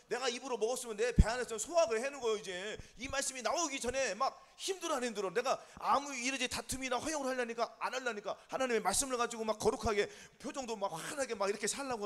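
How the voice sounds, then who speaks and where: A man's voice: extremely high pitch, expressive, quick pace, long reverb tail. A male pastor, preaching a sermon that drills the congregation with back-and-forth questions. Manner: drilling call-and-response questions. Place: church sanctuary.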